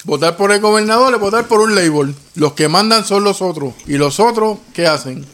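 A man's voice: sits high, lively intonation, a bit bright. A man co-hosting a casual podcast, joking and firing off questions. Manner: rapid-fire, joking, questioning. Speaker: podcast co-host. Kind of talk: casual bar-style chat.

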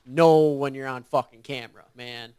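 A man's voice: mid-range voice, fairly even intonation, moderate pace, a little mellow, clean tone, no room sound. A man co-hosting a casual podcast, lecturing with plenty of swearing. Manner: lecturing, profane. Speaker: podcast co-host.

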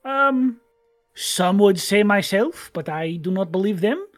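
A woman voicing a big, hearty male dwarf adventurer in a gruff voice, boisterous and affectionate, with stilted grammar in a tabletop game. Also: medium pitch, expressive, unhurried, faint music behind, natural voice. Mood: earnest, plaintive. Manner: stilted grammar, drops articles.

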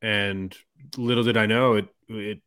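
A man's voice: fairly low pitch, steady tone, measured pace, fairly bright tone, smooth, no room sound. A man co-hosting a casual sports podcast, talking loosely with lots of fillers and an upbeat tone. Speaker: podcast co-host. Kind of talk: casual chat.

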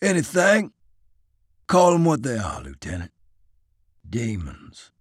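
A brash, scornful soldier with a Southern drawl, played by a male narrator, his voice pushed high and loud. His sarcasm cuts through every line. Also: wildly swooping pitch, takes it slowly, slightly rough, no echo, studio quality, exaggerated voice.

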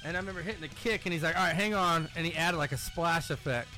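This man in his forties has a bright, forceful voice pitched a little high. He hosts a casual chat in a brash, profane, joking way. Faint music plays behind him. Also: fast talker. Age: 40s. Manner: profane, boisterous, jokey. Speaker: podcast host.

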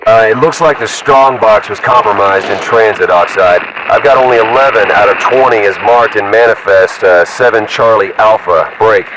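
A man's voice: on the low side, normal speed, hardly any pauses. A man playing a male soldier reporting in with radio callsigns, heard over a military radio. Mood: steady. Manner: steady radio procedure with callsigns and hesitant fillers. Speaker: field unit radio operator. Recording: distant noisy radio transmission.

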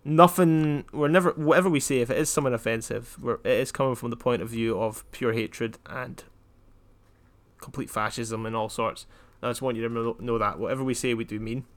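A young man from Scotland in casual podcast chat, telling jokes in a flat deadpan way and wandering off on tangents. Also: medium pitch, fairly quick. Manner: deadpan, rambling joke-telling. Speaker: podcast co-host.

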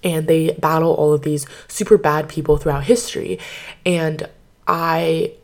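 Speaking at a measured pace in a low, level voice, a woman records her podcast on her bed at home using a microphone. She's partly lost her voice, so she sounds slightly hoarse as she rambles chattily, full of fillers.

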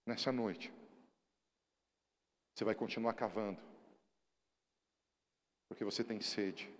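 A middle-aged Brazilian pastor preaches in a casual, heartfelt way, rising to loud outbursts. His voice sits at an ordinary middle pitch. The church hall around him rings with a long reverb. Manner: emotional, conversational preaching that swells loud. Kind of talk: sermon.

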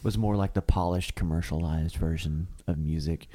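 Man, early 30s, from Kentucky, very low voice, relaxed rambling chat, studio mic. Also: normal speed. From Kentucky, USA. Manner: laid-back, leans on "like" and "uh" a lot. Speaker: guest musician. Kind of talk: casual interview chat.

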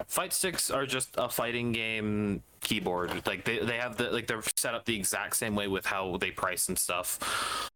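A man's voice: on the low side, unhurried, pushed and bright, slight background noise, low-quality recording. A man co-hosting a casual group chat, joking and laughing often, trailing off with fillers. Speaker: podcast co-host.

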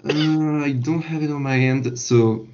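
A man, a team leader presenting his project in a casual, halting way over a video call. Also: fairly high pitch, fairly even intonation, a little mellow. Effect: heard over a video call. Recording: muffled video-call audio.

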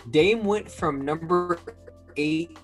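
A man's voice: fairly high pitch, slow pace, soft background music. A man co-hosting a casual sports chat, his voice breaking up over a lagging internet call. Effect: choppy internet audio cutting in and out. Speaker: podcast co-host.

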